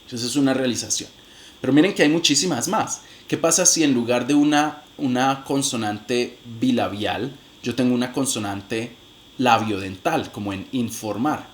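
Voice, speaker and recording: A man's voice: mid-range voice, normal speed. A man giving a recorded phonetics lecture, demonstrating sounds aloud and talking straight to his viewers, with frequent hesitant restarts. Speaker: phonetics teacher.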